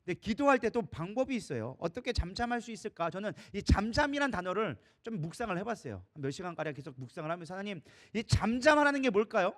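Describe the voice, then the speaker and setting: A man's voice: high-pitched, quick pace, hardly any pauses. A middle-aged man preaching a sermon as co-senior pastor in a church, questioning the congregation and acting out quoted voices. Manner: animated, acts out God and parents in quoted voices, asks the congregation questions. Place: church sanctuary.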